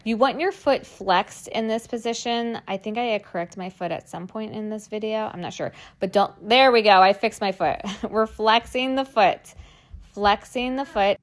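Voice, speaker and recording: A young woman with a mid-range voice leads a workout class at a normal speed, exercising along as she cues the moves and encourages everyone. The fitness instructor sounds strained from the effort of working out while talking.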